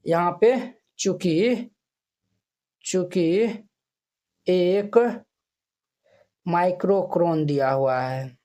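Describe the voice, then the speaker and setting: A man's voice: high voice, drawn-out words, long pauses, mellow. A male math teacher talks through textbook exercises, counting digits aloud one by one and checking that students follow. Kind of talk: classroom math tutorial.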